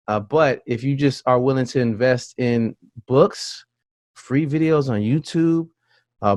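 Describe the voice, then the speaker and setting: A man's voice: medium pitch, no room sound. A man hosting an interview, talking in a chatty way with jokey asides and frequent restarts. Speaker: podcast host. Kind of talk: casual interview chat.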